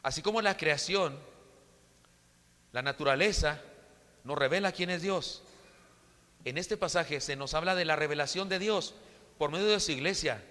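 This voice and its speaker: A man preaching a sermon, emphatic, moving between loud stresses and soft storytelling. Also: a little high, moderate pace, long pauses. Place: church sanctuary. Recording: long church reverb.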